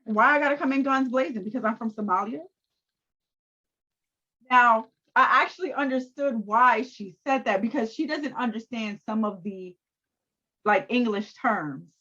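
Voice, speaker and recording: A woman's voice: fairly high pitch, normal speed, muffled recording. Laughing woman recapping reality TV. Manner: animated, laughs often, acts out quotes. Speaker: podcast co-host. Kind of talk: casual recap chat.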